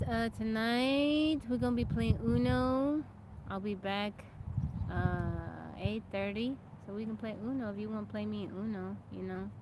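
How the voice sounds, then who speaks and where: Streaming live from her phone outdoors on a farm, a woman chats casually and tells a story, laughing often and thanking viewers by name. She is an animated storyteller with a mid-range voice, and the audio is very noisy.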